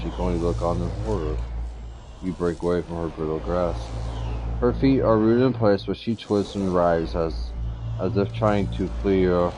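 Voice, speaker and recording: A man playing through a role-playing game, reading its narration aloud with small stumbles and offhand asides. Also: deep voice. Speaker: let's play gamer. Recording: audible background noise.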